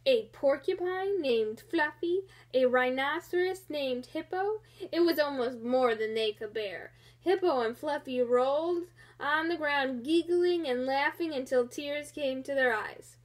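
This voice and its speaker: Reading to children, this female storybook narrator has a high voice and a very measured pace, delivering the story expressively.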